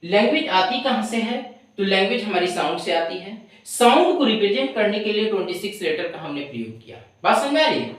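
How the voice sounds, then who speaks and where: A woman teaching an English lesson, drilling pronunciation slowly and often checking whether the class follows. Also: medium pitch, expressive, heavy reverb, recorded from a distance, poor audio. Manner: drills words slowly, often asks if students understand. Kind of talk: classroom-style tutorial.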